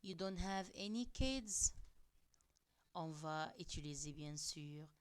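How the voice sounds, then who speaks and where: A woman's voice: deep voice, lively intonation, smooth. A woman teacher explaining French grammar to young pupils, translating each point into English as she goes. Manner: switches between French and English glosses, slow and deliberate. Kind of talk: classroom lesson explaining grammar.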